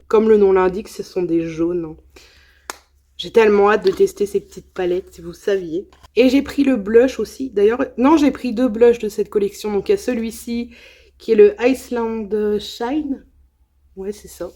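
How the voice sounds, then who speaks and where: A woman's voice: mid-range voice, warm tone. A young woman chatting casually in a haul video, enthusiastic and full of asides and fillers. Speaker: beauty vlogger.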